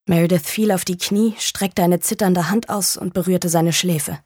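Woman, audiobook narrator, low voice, measured, grave, dry close sound. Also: fairly even intonation, a little mellow, husky, no echo. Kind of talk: scripted narration of a crime novel.

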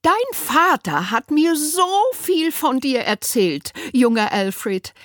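Woman doing a shrill gushing social worker. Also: sing-song, no echo, studio quality, heavily acted. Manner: shrill, drawn-out, fussy exclamations.

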